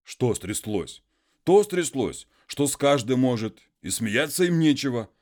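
Peasant role for a male narrator: illiterate, folksy, pleading, pitched well above his own voice, loud. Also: sing-song. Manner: folksy, drawn-out pleading speech.

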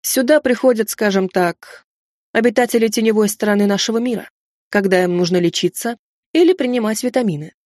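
Storybook: woman reading a measured, formal male inquisitor, even delivery. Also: mid-range voice, no room sound, studio quality, lightly acted. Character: calm, melancholy male inquisitor overseeing the shadow world.

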